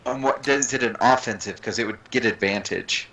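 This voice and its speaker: A man's voice: medium pitch, moderate pace, a bit bright, poor audio. A man playing a tabletop game, speaking directly and asking rules questions. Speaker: player. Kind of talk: casual game chat.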